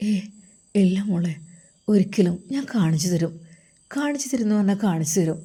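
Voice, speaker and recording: A woman voicing a gentle young male caretaker who softly coaxes and comforts a distressed girl in a told story. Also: mid-range voice, animated, normal speed, breathy edge. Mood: soft coaxing. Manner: soft, coaxing, tender.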